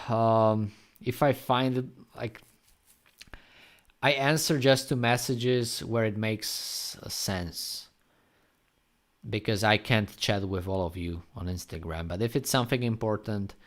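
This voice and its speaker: A man from Slovakia with a Slovak accent, chatting casually on a live stream and answering viewers' questions in a rambling, unhurried way. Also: fairly low pitch. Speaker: graffiti artist live streamer.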